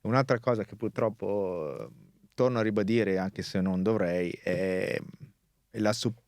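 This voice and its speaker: Male interview guest, deep voice, Italian with an Italian-American cadence, hesitant conversational delivery, close dry sound. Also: measured pace, a little mellow, no room sound. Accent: Italian with an Italian-American lilt. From Varese, northern Italy. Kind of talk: casual radio interview.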